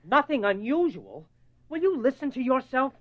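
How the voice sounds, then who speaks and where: With an extremely high, sing-song voice at normal speed, a man plays an angry, exasperated husband in a radio horror drama. Blunt and argumentative, the character frets over his obsessed wife, and the recording is dull and lo-fi.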